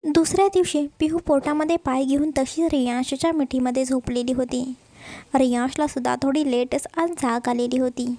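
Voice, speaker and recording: A woman's voice: high-pitched, mellow, no room sound. A woman narrating a romantic serial story, chatty with her listeners.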